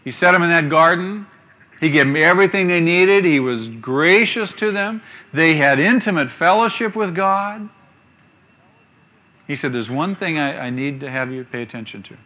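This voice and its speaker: A man preaching a sermon, reading scripture slowly and asking rhetorical questions with emphasis. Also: fairly high pitch, expressive, bright, forceful tone.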